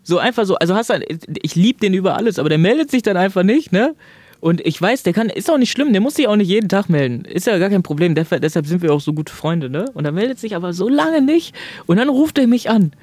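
Young male comic, chatty anecdote teller, laughs a lot, slightly high voice, dead-dry mic. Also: fast, dry recording. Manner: lively, laughs often, acts out friends' lines. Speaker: comedian guest. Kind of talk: casual storytelling chat.

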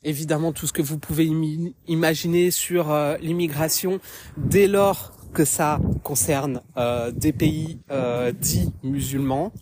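A man's voice: a little high, steady tone, a little slow, darkish tone, slight background noise. A man from France giving casual spoken commentary while walking outdoors in a small wood, hesitating often with filler sounds, recorded as a phone voice message. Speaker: podcast contributor.

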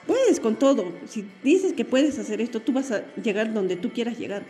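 A woman's voice: on the high side, sing-song, moderate pace, mellow, faint music behind. A woman telling a personal story as a podcast host, in an earnest, emotional way. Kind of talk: personal monologue.

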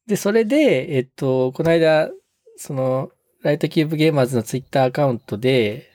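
A man's voice: fairly high pitch, expressive, fairly quick, darkish tone, no echo, clean studio sound. A man co-hosting a podcast, chatting casually and politely with lots of hesitant fillers. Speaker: podcast co-host.

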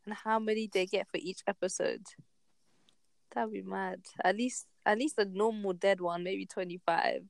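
A young woman co-hosting a podcast, chatting in slang, rambling and steering the topics. Her voice sits at a middle pitch and sounds dry and close. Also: fairly even intonation, moderate pace, vocal fry, no echo. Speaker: podcast co-host. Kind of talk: casual chat.

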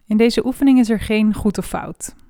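A woman leading a guided body scan meditation, speaking slowly and softly with long pauses. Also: a little high, dry recording, studio quality. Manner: slow, soft and calm with long pauses.

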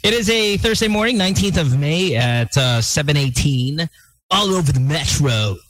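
A man's voice: fairly high pitch, animated, moderate pace, fairly bright tone, no room sound. A man with a Filipino accent, a radio DJ bantering casually on air and mixing in Tagalog. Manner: joking, switches between English and Tagalog, mimics DJ voices.

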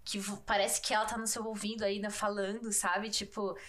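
A woman's voice: mid-range voice, little pitch movement, brisk, fairly bright tone, slight background noise. A woman with a São Paulo accent co-hosting a casual chat, slangy and full of fillers. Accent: São Paulo Brazilian Portuguese. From São Paulo state, Brazil. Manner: slangy, fills speech with "tipo" and "né". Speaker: podcast co-host.

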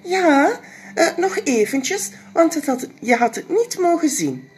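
A woman voicing a little boy who talks high and excitedly in a storybook read-aloud. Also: takes it slowly, exaggerated voice. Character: little boy Jip, eager and tearful.

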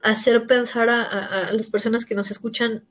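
A woman's voice: fairly high pitch, normal speed. A woman in her thirties with a Mexican accent, chatting casually and telling personal stories, acting out what others said. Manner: animated storyteller acting out quoted voices. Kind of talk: casual chat.

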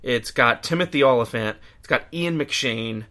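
A man's voice: mid-range voice, normal speed, sharp tone. A young man co-hosting a podcast, chatting casually and enthusiastically about films with a friend. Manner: enthusiastic, opinionated, uses many fillers. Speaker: podcast co-host. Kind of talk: casual chat.

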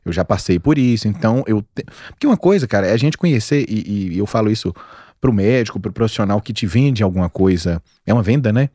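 A Brazilian man of forty talks quickly with a lively, swooping delivery, his low voice recorded close and dry. He tells stories emphatically, full of slang, in a relaxed chat. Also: no echo. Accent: Brazilian Portuguese. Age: 40s. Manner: animated storyteller, slangy and emphatic. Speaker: doctor guest. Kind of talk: casual podcast chat.

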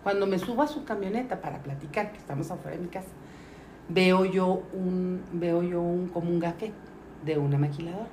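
Speaking briskly in a voice on the low side, this Mexican-accented, middle-aged podcast guest shares a story in a casual, lively way. She performs the voices of the people in it, and the recording is roomy with a little faint noise.

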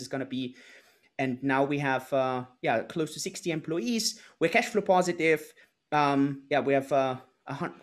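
A man in his thirties from Austria, a guest answering interview questions on a video call, talking conversationally with lots of fillers and restarts. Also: mid-range voice. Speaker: guest, entrepreneur.

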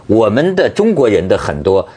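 A male talk show host whose slightly husky voice swings widely in pitch as he tells his stories. He acts out the lines he quotes with relish and keeps a lively, anecdotal flow in a panel conversation. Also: normal speed.

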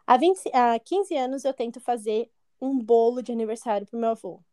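A woman in her twenties, a guest in an interview, speaks candidly about something personal and regularly acts out what others told her. Her slightly high voice has a warm tone and moves at normal speed.

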